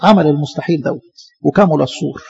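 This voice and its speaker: A man with an Egyptian accent preaching a sermon, animated and full of rhetorical questions. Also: a little high, quick pace, gravelly, muffled recording. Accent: Egyptian Arabic.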